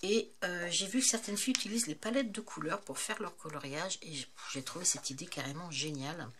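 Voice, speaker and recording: A woman's voice: lowish voice, fairly quick, a crowd in the background. Chatty woman vlogger with many fillers. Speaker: craft vlogger. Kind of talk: casual show-and-tell chat.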